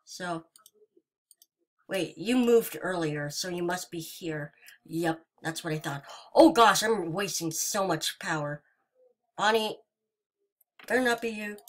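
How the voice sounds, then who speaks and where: Woman host for jittery horror let's-play commentary, unhurried delivery, jumps to high sing-song greetings. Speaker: gaming channel host.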